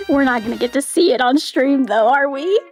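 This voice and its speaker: A high, girlish-cute young woman livestreams a game in a bubbly anime-streamer manner. She is giggly, excitable and quick to get flustered while chatting with viewers. Faint music plays behind her voice. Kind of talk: livestream chat and reading visual novel aloud.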